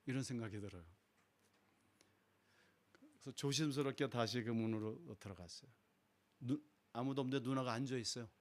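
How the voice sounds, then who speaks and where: A man's voice: mid-range voice, normal speed, long pauses. A middle-aged man giving a sermon testimony in a church, acting out the voices of the people in his story. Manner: dramatic storyteller, acts out quoted voices. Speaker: guest speaker giving testimony. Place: church sanctuary.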